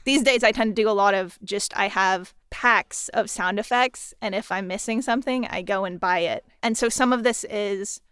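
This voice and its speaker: With hardly any pauses and at normal speed, a woman's medium-pitched, bright, clean voice comes through studio-quality with no echo. She's a sound designer joining a relaxed podcast roundtable, swapping questions and answers about behind-the-scenes work.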